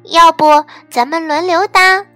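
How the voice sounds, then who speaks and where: A woman voicing a stubborn, quick-tempered little girl bear cub in a storybook reading, shrill and loud when she protests. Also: fairly even intonation, no room sound, faint music behind, heavily acted. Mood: cheerful.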